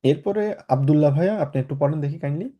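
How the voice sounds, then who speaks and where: A man teaching German in an online class, with a very dark, mellow voice. He explains each point patiently and keeps checking that his students are following along. He slips English words into his sentences as he talks. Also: a little high, fast. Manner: patient, often checks in with "ঠিক আছে?".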